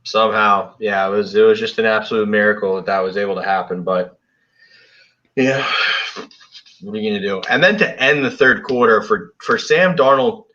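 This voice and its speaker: A man's voice: on the low side, normal speed, sharp tone, lo-fi sound. A man co-hosting a casual football reaction show, rambling with lots of restarts. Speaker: podcast co-host. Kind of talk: casual sports chat. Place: home, South Florida.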